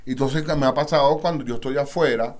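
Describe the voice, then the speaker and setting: A man's voice: medium pitch, fairly quick. A man from Venezuela with a Caracas accent, a musician guest chatting casually in an interview, full of street slang and acting out the voices of people he quotes. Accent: Caracas Venezuelan Spanish.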